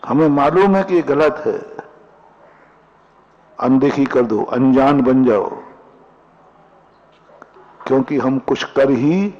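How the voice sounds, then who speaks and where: A male Jain monk preaches in a slow, deliberate storytelling manner, slipping into little acted quotes and folk sayings. His voice sits at an ordinary middle pitch. The recording sounds dull and lo-fi, like a broadcast capture. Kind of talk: sermon.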